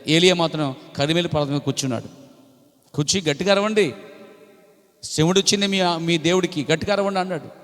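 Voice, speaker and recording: A man's voice: sits high, fairly bright tone. A man preaching a sermon, with emphatic repetition and frequent praise interjections. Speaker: pastor. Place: church hall. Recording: long hall reverb.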